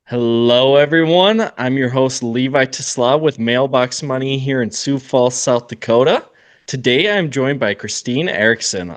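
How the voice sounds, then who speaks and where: A man hosting a podcast interview, easygoing with casual joking asides. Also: mid-range voice. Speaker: podcast host.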